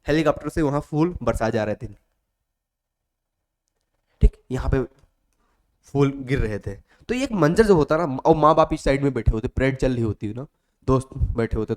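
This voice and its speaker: A male coaching teacher with a medium-pitched, darkish voice gives a motivational class talk. He repeats his points over and over, calls students "beta," and sometimes acts out their voices.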